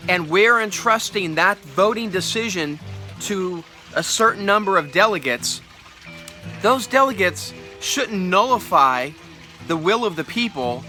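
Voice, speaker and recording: A man with a high, very sharp and forceful voice delivers a casual, opinionated vlog monologue. He leans on repetition for emphasis and talks straight to the listener, with music playing behind him. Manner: explains with hypothetical examples and acted-out quotes, checks in with listener. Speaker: video creator.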